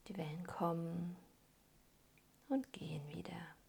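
A woman with a lowish, husky voice leads a guided meditation. She speaks very slowly and calmly, leaving pauses between gentle instructions. Her soft phrases often sink into breathy near-whispers with a creaky edge. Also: a little hiss or hum. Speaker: hypnosis guide. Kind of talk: soothing guided meditation for weight loss.

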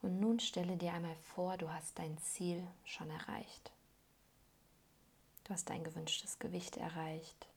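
A woman with a lowish, husky voice leads a guided meditation. She speaks very slowly and calmly, leaving pauses between gentle instructions. Her soft phrases often sink into breathy near-whispers with a creaky edge. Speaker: hypnosis guide. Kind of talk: soothing guided meditation for weight loss.

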